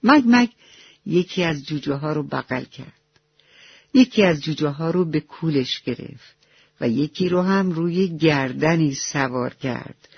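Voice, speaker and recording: A man's voice: a little high, expressive, gravelly, slightly rough, dry recording. A man narrating a children's bedtime story, addressing the young listeners affectionately. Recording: dull lo-fi dry recording with soft music.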